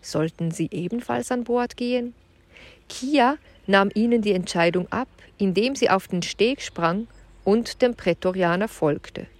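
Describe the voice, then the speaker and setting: Woman, audiobook narrator, children's adventure, clear even delivery, middle pitch, dry close recording. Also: unhurried, no room sound.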